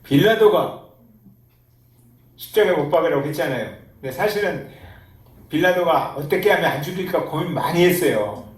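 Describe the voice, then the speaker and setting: Lively, animated male pastor preaching. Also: a little high, normal speed, long pauses. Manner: animated storytelling, acting out quotes. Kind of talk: sermon. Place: church sanctuary. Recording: roomy church hall, mic at a distance.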